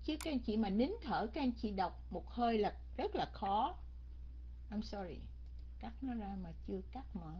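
A woman teaching English pronunciation, drilling words slowly syllable by syllable. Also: mid-range voice, sing-song, slightly rough. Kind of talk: pronunciation lesson. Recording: dull lo-fi recording.

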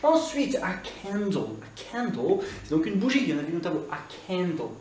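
A man hosting a video English lesson, upbeat, repeating English words slowly to model pronunciation, recorded by the camera from a few feet away indoors. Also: sits high, sing-song, darkish tone. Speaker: English teacher and channel host. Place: indoor room, moving in and out of camera frame. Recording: echoey room, voice from a distance, faint background noise.

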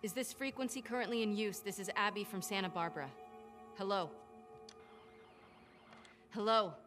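A determined young American woman survivor from a video game drama, played by an actress. She speaks earnestly in short, clipped phrases at a medium pitch, with clear music underneath. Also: moderate pace, close to an everyday voice. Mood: anxious, pleading.

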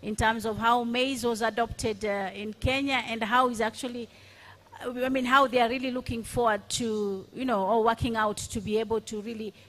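A woman's voice: on the high side, steady tone, moderate pace, fairly bright tone. A woman panelist at a conference speaking on a handheld microphone, hesitant, with many fillers and restarts. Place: large conference hall stage.

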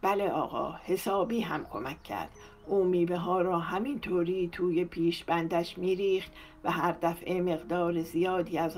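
A woman's voice: on the low side, lightly acted. A woman narrator voicing a talkative female maid in an audiobook, telling her master gossip in an amazed tone. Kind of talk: audiobook character reading.

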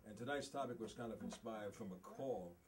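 Deep-voiced playful male talk host. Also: fairly quick, recorded from a distance, background noise. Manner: playful, teasing banter. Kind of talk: casual live online radio chat.

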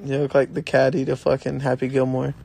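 A man's voice: medium pitch, monotone, brisk, gravelly, darkish tone. A man, a music producer, trading casual teasing banter in a recording studio. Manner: joking, teasing, profane. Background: music playing.

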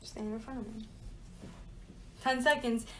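A woman's voice: fairly high pitch, fairly even intonation, measured pace, low-quality recording. A young woman talking in a playful, casual way for a challenge video, giggly and teasing.

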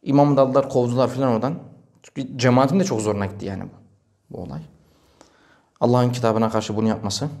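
A male preacher telling a story in a religious talk, acting out the dialogue. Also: mid-range voice. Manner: animated, acts out quoted dialogue.

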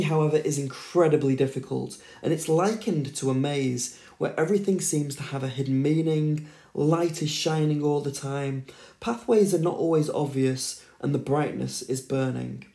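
Man, gravelly, mellow, book summary and reading aloud, roomy echo. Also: mid-range voice. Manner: unhurried, with frequent fillers and restarts. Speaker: gaming channel host.

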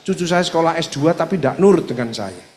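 A man's voice: a little high, expressive, fairly quick, darkish tone, close to an everyday voice. A man quoting a worried 77-year-old grandmother who is a patient, telling it plainly in his own voice. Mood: complaining. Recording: echoey hall reverb.

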